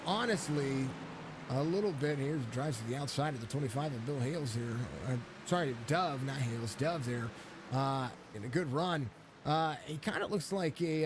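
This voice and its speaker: Against a noisy background, a fairly high-pitched man hoarse with laryngitis acts as race commentator and stream host on a live sim racing stream. He rambles through the grid with lots of fillers and restarts, greeting chat viewers along the way.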